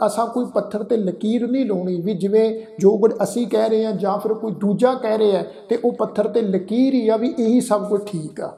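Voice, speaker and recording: Man slowly chanting scripture in an echoey room. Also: high-pitched, creaky, mellow. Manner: drawn-out recitation alternating with brisk explanation. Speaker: Gurbani recitation teacher. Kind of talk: slow chanted scripture recitation with spoken explanations.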